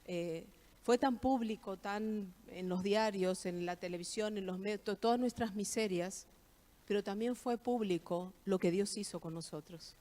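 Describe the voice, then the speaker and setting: A woman's voice: medium pitch, unhurried, dark tone. A middle-aged woman with an Argentine Spanish accent speaks at a church service. Her voice sits in a medium register, and she tells her testimony earnestly, repeating key phrases for emphasis. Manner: heartfelt, emphatic repetitions. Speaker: guest speaker giving testimony.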